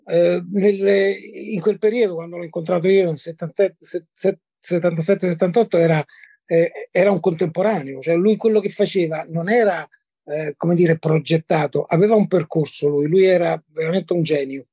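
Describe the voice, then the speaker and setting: A man's voice: high-pitched, fairly even intonation, normal speed, mellow, slightly rough, no echo. An older man from Italy recalling past encounters as a guest, hesitant, with many fillers and repeated words. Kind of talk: conversational recollection.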